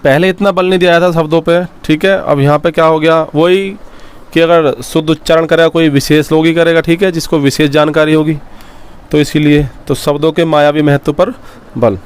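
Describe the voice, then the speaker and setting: Smooth-voiced teacher dictating notes, unhurried. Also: male voice, on the high side, level tone. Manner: repeats phrases slowly for students to write, calls them "beta". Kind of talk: dictation-style classroom lecture.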